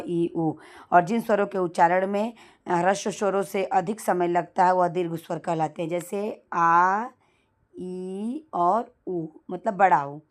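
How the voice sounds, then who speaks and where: Woman teaching a slow, chatty lesson. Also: lowish voice, a little mellow. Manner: explains step by step, spells out vowel sounds; frequent fillers and restarts, conversational. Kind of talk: exam-prep lesson from handwritten notes.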